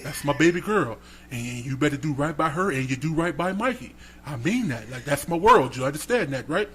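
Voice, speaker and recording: A man's voice: fairly high pitch, expressive, a little fast, a bit bright, slight background noise. A man quoting a stern protective father. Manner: grave, firm, lecturing.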